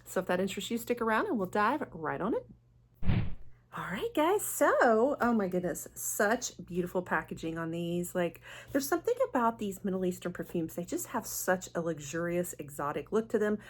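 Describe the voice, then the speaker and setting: A woman's voice: medium pitch, big pitch swings, moderate pace. A woman hosting a casual, chatty fragrance review vlog in a gushing, enthusiastic manner. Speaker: fragrance vlogger, channel host.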